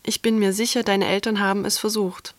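A shy, kind-hearted male monster from a storybook speaks softly with a faint tremble, as a woman reads him. He sounds gentle and comforting. The recording is dry and close. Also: mid-range voice, little pitch movement, a little fast, no echo, natural voice. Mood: consoling. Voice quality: soft, trembling voice. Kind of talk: storybook reading.

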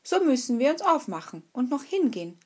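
A woman's voice: sits high, very animated, fairly quick, slightly rough, pitched above the performer's own voice, full character voice. A woman voicing an old, kind male donkey who leads and encourages the other animals, in a spoken fairy tale. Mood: encouraging.

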